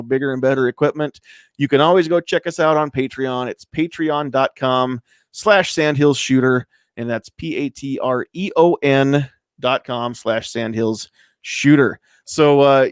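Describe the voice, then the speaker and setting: A man's voice: medium pitch, clean tone, no echo. A man hosting a live podcast from a home studio, talking loosely with lots of fillers. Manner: loose and rambling, many fillers. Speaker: podcast host. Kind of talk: casual live-stream chat.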